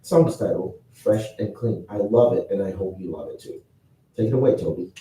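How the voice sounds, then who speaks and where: Male radio host, gentle interviewer, very dark tone, roomy studio sound. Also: expressive, a little fast, recorded from a distance. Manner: brief encouraging interjections, gentle questions. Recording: echoey studio, off-mic, faint rumble.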